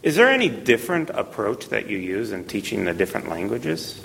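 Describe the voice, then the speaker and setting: Male podcast host, gravelly and lowish, long room reverb. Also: sing-song, a little fast, fairly bright tone. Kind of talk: conversational podcast interview.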